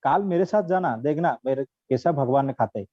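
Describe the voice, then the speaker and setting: A man's voice: mid-range voice, animated, a little fast, dry recording, lightly acted. A man voicing an earnest young boy who sincerely insists he is telling the truth. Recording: dull, dry recording.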